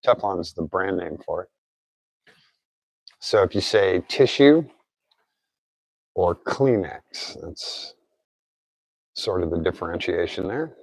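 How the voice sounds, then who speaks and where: Here a man with a low, expressive voice and vocal fry talks slowly through a casual repair tutorial, pausing often. He's a DIY car repair presenter thinking aloud informally as he works, his speech slightly off following recent oral surgery. There's no room sound.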